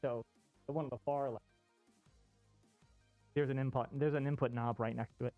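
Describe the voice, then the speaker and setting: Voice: mid-range voice, steady tone, moderate pace, no room sound, soft background music. A streamer chatting casually and rambling informally, with a muffled voice as if covered by a costume head. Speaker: livestream host. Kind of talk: casual chat. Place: inside a fursuit costume head, indoors. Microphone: off-costume streaming microphone. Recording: muffled, dull sound from inside costume.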